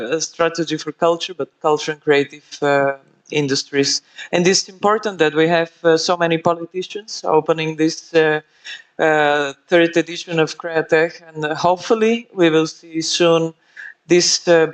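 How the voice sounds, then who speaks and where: Halting man with smooth higher voice. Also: low-quality recording. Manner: halting, many fillers and restarts. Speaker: panel speaker on creative industries. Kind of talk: panel discussion.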